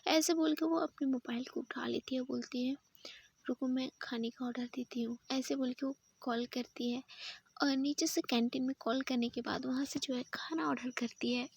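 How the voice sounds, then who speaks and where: A woman telling a romance story in a hushed, often whispered, unhurried way, close to the mic. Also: high-pitched, fairly even intonation, creaky, breathy edge.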